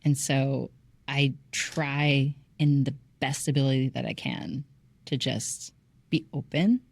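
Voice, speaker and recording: Low-voiced woman, emphatic and close. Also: flat delivery, slow pace, dry recording. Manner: emphatic, earnest, sweary. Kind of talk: casual chat.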